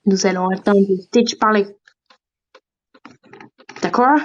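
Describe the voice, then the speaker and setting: A woman's voice: mid-range voice, slow pace, dull audio. A woman voicing an ancient, indignant female tortoise in a toy role-play on a livestream. She huffs and demands respect. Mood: outraged, pompous. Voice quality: huffy and pompous, keeps demanding respect.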